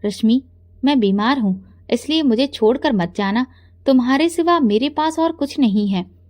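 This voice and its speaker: A woman voicing a mentally ill young husband who pleads and talks like a child, in a calm storybook reading. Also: high voice, normal speed, dry recording, clean studio sound. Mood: childlike pleading.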